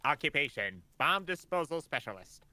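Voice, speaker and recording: A man chatting with excitement and amusement while playing a courtroom game. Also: on the high side, moderate pace, noisy background. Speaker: game streamer. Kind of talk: casual game commentary.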